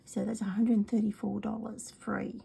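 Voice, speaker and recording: Demonstrating craft products in a casual video, a middle-aged Australian woman rambles through lots of ums, frequently dropping to a gentle whisper, her voice stuffed up and weary from a cold. She speaks at medium pitch with a level tone and moderate pace, sounding gravelly and slightly rough.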